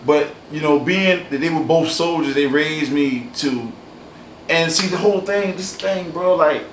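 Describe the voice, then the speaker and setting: A man in his forties from Hawaii talks as an interview guest, stopping and restarting often. His somewhat high voice sits back from the mic in an echoey room, with a faint hiss underneath. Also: recorded from a distance. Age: 40s. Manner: halting, many fillers and restarts. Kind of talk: casual interview.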